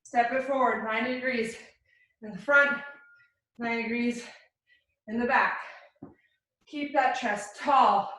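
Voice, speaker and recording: High-voiced woman fitness coach, echoey room. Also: steady tone, a little slow, long pauses, a bit bright. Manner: encouraging, instructive, short cues. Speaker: fitness instructor leading a workout class. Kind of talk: live workout coaching, counting down reps. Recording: very echoey room, distant mic.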